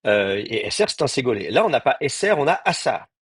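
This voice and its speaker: A man teaching an online Hebrew class, talking in a halting way with many fillers and restarts, and sounding out Hebrew words slowly. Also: medium pitch, sing-song, husky, no room sound, clean studio sound.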